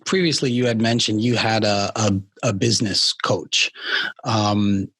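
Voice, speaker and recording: Husky-voiced podcast host asking short questions. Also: medium pitch, fairly even intonation, a little slow, a bit bright, dry recording. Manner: short backchannels and brief questions. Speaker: interview host. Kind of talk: podcast interview.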